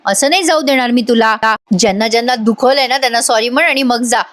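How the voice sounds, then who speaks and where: A woman's voice: fairly high pitch, fast, lightly acted. Woman reading a pushy young fiancé. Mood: insistent.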